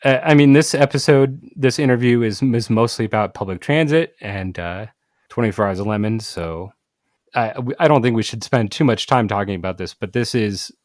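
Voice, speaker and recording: A man hosting a podcast, talking in a halting way with many fillers and restarts. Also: medium pitch, darkish tone, no echo, studio quality. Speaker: podcast host. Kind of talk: casual podcast conversation.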